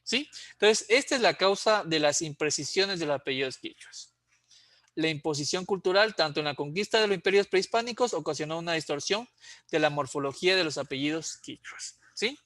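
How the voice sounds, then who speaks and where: A man's voice: on the high side, brisk, fairly bright tone, dry recording. A man teaching an exam prep lecture, explaining patiently and checking in often with "¿sí?".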